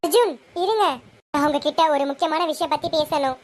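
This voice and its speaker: A woman voicing Deepika, an anxious, remorseful young woman in a serial drama, talking in a pleading, emotional way. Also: a little fast, a little mellow, natural voice. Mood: urgent.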